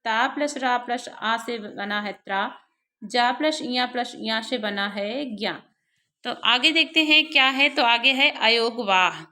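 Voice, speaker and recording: A woman's voice: a little high, takes it slowly, sharp tone. A woman teaching a Sanskrit grammar lesson, reading it out and spelling syllables one by one with many repeats.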